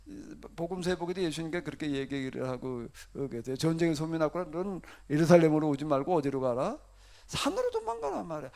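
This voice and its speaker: A man's voice: sits high, gravelly, darkish tone. A male pastor preaching a sermon in a conversational style, asking the congregation rhetorical questions and acting out laments.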